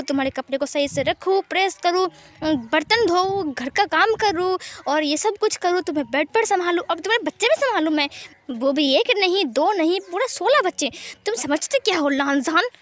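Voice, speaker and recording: A woman's voice: sits high, a little fast, natural voice. A woman voicing an overworked young husband who scolds and answers with sarcasm. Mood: scolding.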